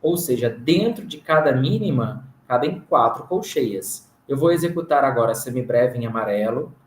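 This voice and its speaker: A Brazilian man teaching a recorded music theory lesson, explaining slowly and patiently and counting beats aloud. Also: medium pitch, expressive, slight background noise. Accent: Brazilian Portuguese. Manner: counts beats aloud and chants rhythm syllables. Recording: roomy recording.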